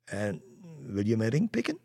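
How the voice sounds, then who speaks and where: A man voicing a calm, kindly female dove in a read-aloud storybook, speaking softly and in a measured way. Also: on the low side, vocal fry, in a large hall, heavily acted.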